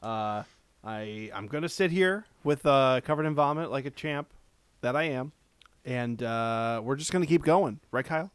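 A man with vocal fry at the ends of his words, joking wryly as co-host of a casual movie podcast. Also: mid-range voice, animated, moderate pace, no echo.

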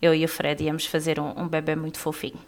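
A woman's voice: low voice, completely flat delivery, quick pace, gravelly. A woman in her thirties with a European Portuguese accent, chatting casually with a friend as a podcast co-host. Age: 30s. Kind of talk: casual chat between friends.

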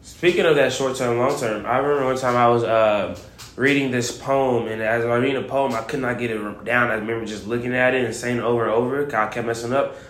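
A young adult man from Waco co-hosting a casual student podcast, relaxed with loose, rambling phrasing. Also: mid-range voice, fast, a little hiss or hum. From Waco, Texas. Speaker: podcast co-host, student community leader. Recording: echoey room.

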